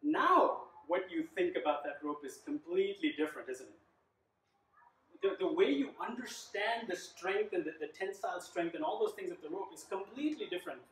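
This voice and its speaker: A man in his thirties telling a personal story as he teaches a class, animated and full of rhetorical questions to his listeners. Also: high voice, normal speed, a little hiss or hum. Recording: echoey room, mic at a distance.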